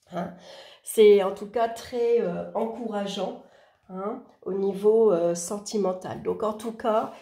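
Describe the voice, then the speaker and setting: Hoarse, soft-spoken woman with creaky voice. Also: mid-range voice. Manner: speaking softly to spare her throat. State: hoarse from a sore throat with tonsillitis. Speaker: tarot card reader and horoscope host. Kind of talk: informal horoscope card reading to viewers.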